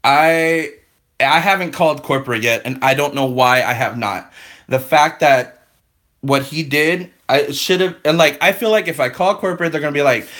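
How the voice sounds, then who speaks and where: A man with a fairly high voice tells a long story on a live stream, casual and unscripted. He rambles and sounds exasperated, restarting his sentences and leaning on "I'm all like" and "you know". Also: normal speed, fairly bright tone.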